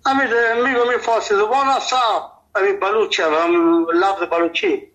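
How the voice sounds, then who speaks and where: A man's voice: high-pitched, lively intonation, a bit bright, dull audio. An older man calling into a radio show from Afghanistan, reciting folk verses and talking in a plain, rambling way. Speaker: caller. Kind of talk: phone call into a radio show.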